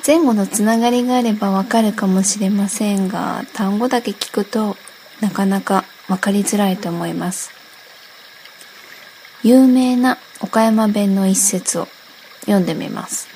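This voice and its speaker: A woman's voice: medium pitch, measured pace, warm tone, slight background noise, rough recording. A woman from Okayama hosting a casual radio talk, reading listener requests and explaining dialect phrases by reading example lines aloud. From Okayama, Japan.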